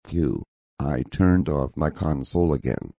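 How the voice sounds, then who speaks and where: A man's voice: very deep voice, a little slow, no room sound, heavily acted. A synthetic male text-to-speech voice playing a stubborn, sarcastic young man who mocks a cartoon dinosaur. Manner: mocking, flat and sarcastic. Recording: dull dry lo-fi audio.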